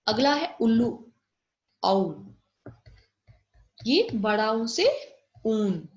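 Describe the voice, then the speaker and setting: A woman teacher with an Indian accent giving a recorded school Hindi lesson, explaining words slowly, mixing in English meanings and often asking whether it is clear. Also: a little high. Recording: roomy, dull lo-fi home recording.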